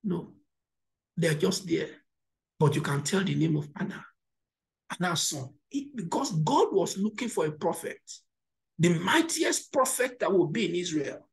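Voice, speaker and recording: A woman's voice: lowish voice, very animated, a little slow, gravelly, rough recording. A woman pastor preaching a sermon, exhorting the congregation with repeated words and direct questions. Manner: exhorting and encouraging.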